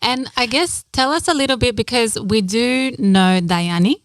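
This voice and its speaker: A woman's voice: fairly high pitch, normal speed, no room sound. A woman hosting a talk show, bubbly and playful, sprinkling in Spanish words as she interviews her guest. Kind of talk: casual interview chat.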